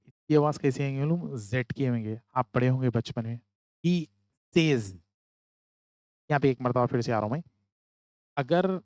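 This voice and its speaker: A tired man teaches a casual spoken English test lesson, slowing right down to read example sentences word by word. His voice sits at an ordinary middle pitch. The recording is dry and close, with no room sound. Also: darkish tone, no room sound.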